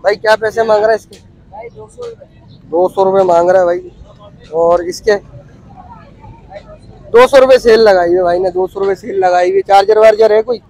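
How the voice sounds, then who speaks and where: Man, thirties, high-pitched, chatty vlogger, outdoor market, handheld phone. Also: moderate pace, pauses often, darkish tone, rough recording. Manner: chatty, repeats prices and addresses viewers. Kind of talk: casual walkthrough vlog, asking prices. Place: busy outdoor street market.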